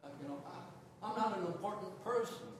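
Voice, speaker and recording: A man's voice: high voice, far from the mic, slight background noise, close to an everyday voice. A man voicing a humble Roman centurion who hurriedly begs for a favor, in an echoey room. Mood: pleading. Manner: hurried, self-effacing pleading.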